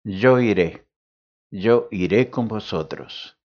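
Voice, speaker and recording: A man's voice: fairly low pitch, slow pace. A man voicing a devoted, frail old male servant who speaks solemnly and formally. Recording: dull lo-fi recording.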